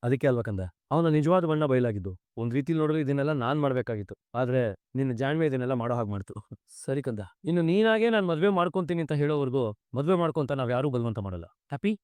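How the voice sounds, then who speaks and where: A man's voice: medium pitch, lively intonation, fast talker, darkish tone, clear, resonant tone, no room sound, natural voice. An actor playing a middle-aged father who is earnest and tender with his daughter, in a TV serial. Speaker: father of the bride. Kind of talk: TV serial acting.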